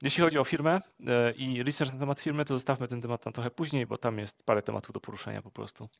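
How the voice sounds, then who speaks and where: A man co-hosting a vlog, giving steady advice with frequent hesitation fillers. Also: mid-range voice, fast, creaky, no echo, muffled recording. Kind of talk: casual advice chat.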